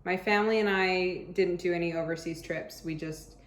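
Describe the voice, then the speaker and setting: A woman's voice: lowish voice, fairly even intonation, normal speed. An American woman in her thirties from Arizona, talking casually to camera as a travel vlogger, chatty and upbeat with rambling restarts, seated indoors. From United States (Arizona). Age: 30s.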